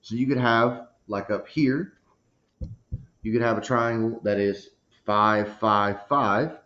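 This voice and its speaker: Lowish male teacher explaining geometry step by step, checks in with okay a lot, dull lo-fi sound. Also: takes it slowly, a bit bright. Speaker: math teacher. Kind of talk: recorded math lesson. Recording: dull lo-fi recording.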